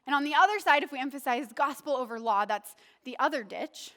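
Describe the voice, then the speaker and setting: Woman pastor, high voice, earnest and conversational sermon delivery. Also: animated, fairly quick, fairly bright tone. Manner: conversational, earnest, asks the congregation questions.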